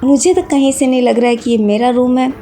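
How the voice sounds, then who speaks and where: A woman reading as a calm, sensible young son. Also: high-pitched, brisk, lightly acted.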